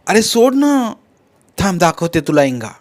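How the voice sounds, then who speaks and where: A man voicing a playful young female dancer who teases and scolds in a high, lively voice. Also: unhurried. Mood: scolding.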